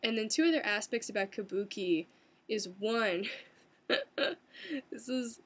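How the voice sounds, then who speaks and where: A young woman from the United States casually recapping her experiences in a chatty, animated way, laughing often and using many fillers. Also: on the high side, slow, husky. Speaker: vlogger. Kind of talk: casual first-person recap.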